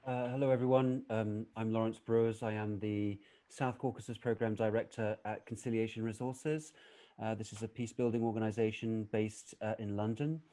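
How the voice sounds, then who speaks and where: A man who directs a peacebuilding program, introducing himself in a measured way with frequent fillers. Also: fairly low pitch, little pitch movement, mellow. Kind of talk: panel self-introduction.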